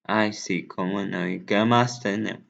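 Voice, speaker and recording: A man casually introducing clips in an unhurried, offhand way as host of a reaction video. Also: lowish voice, steady tone, vocal fry, fairly bright tone. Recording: dull lo-fi recording.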